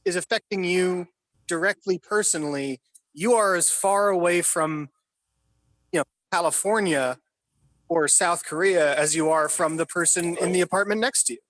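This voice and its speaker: A man's voice: high voice, normal speed, a bit bright, no room sound. A man in his thirties from New York City, a guest telling film-set stories in a casual, filler-heavy way and swearing now and then. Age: 30s. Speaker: guest, film industry worker. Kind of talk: casual storytelling interview. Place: his apartment.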